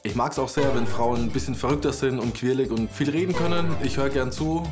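Man, 20s, calm, measured, interview voice-over, music behind. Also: mid-range voice. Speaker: contestant.

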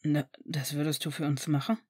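Low, hushed grown man, measured and calm, read by a woman narrator. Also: slightly rough. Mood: gentle. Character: calm dry-witted male healer, adult.

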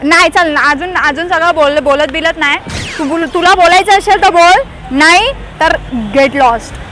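A woman with a Marathi accent, a loud, booming street prankster who teases and provokes. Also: normal speed, a crowd in the background, noisy background.

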